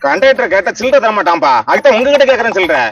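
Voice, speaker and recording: A man playing a whiny passer-by, very high voice, bright tone, fast talk, slightly dull sound. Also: lively intonation. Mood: pleading. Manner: pleading, whiny. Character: fussy man pestering two friends for change.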